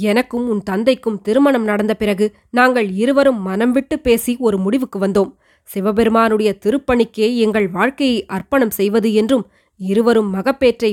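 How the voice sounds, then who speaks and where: A woman's voice: mid-range voice, darkish tone, voice pushed down, close to an everyday voice. A woman voicing an elderly, devout queen mother who earnestly recounts her past to her son in an audiobook reading. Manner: earnest, measured storytelling. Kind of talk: audiobook reading of a historical novel.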